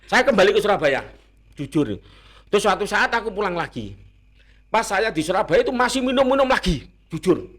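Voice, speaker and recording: A man with an East Javanese accent telling his own story as an interview guest, blunt and rough-spoken, earnest and repeating that he is being honest. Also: high-pitched, sing-song, brisk, a bit bright. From Indonesia. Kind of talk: candid personal storytelling.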